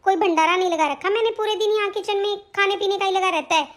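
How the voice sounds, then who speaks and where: A woman's voice: very high-pitched, fast. A woman playing a stingy, harsh young daughter-in-law who scolds and threatens her mother-in-law. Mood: scolding. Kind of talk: hobby family-drama acting.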